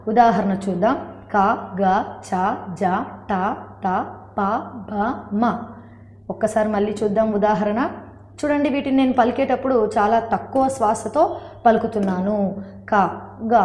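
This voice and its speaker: A woman teaching an exam-prep grammar lesson, repeating key terms slowly and addressing her viewers as friends. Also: mid-range voice, darkish tone. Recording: echoey room with long reverb.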